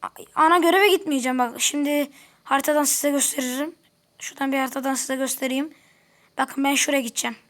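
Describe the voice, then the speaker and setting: A woman's voice: high voice, fairly even intonation, fast, a bit bright. A woman giving casual let's-play commentary, chatty, grumbling and talking to the characters on screen. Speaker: gameplay commentator.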